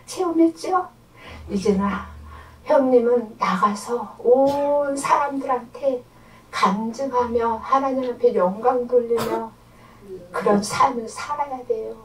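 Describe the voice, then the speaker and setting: A woman's voice: fairly high pitch, a little slow, slight background noise. A woman giving an emotional testimony in church, speaking fervently and acting out prayers and voices. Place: church sanctuary. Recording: echoey church hall, mic far off.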